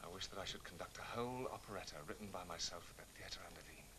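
An actor playing a young, dreamy, excitable composer, speaking softly at times and frantically at others. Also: male voice, low voice, rapid-fire, close to an everyday voice. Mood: wistful. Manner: soft and hushed, then frantic and shouting. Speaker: lead in a televised operetta. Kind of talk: 1970s TV studio drama acting. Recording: noisy old TV studio recording.

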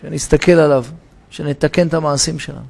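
A rabbi delivers a sermon in a synagogue with a fairly high voice. He acts out his parables with rising cries and sudden drops to a hush. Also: steady tone, creaky. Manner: dramatic storytelling, shouting the parable's cries for help.

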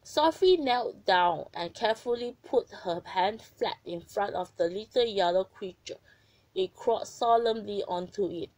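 A woman narrating a children's story aloud in a gentle, expressive way. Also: mid-range voice, a little slow, dry recording, rough recording.

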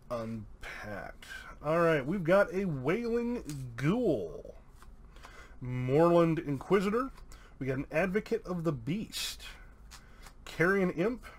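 A man's voice: fairly high pitch, a bit bright. A man hosting a casual pack-opening video, reading out card names in an upbeat, chatty way with an American accent. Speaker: YouTube host opening card packs.

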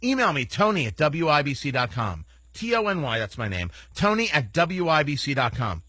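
A man's voice: a little high, big pitch swings, moderate pace, pushed and bright, husky, dry recording. A man hosting talk radio, delivering an indignant, sarcastic monologue. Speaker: radio talk show host.

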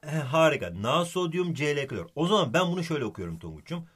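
A man's voice: a little high, fast, slightly rough. A man teaching chemistry in a playful way, teasing his student and heaping on praise. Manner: animated, teasing, keeps repeating praise and the student's name. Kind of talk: playful comedic lesson.

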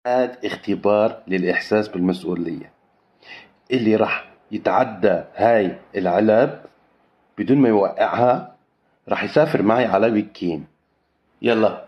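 A man's voice: lowish voice, lo-fi sound. Mock-scolding man, roomy echo. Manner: mock-scolding, coaxing the pets. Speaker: pet owner. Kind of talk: playful pet vlog.

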